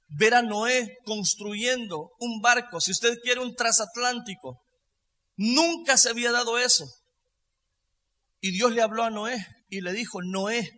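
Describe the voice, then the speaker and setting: High-voiced preacher in an echoing hall. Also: male voice. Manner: emphatic, swings from quiet to loud, stretches some phrases in a sung tone. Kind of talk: sermon. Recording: long reverb of a large hall.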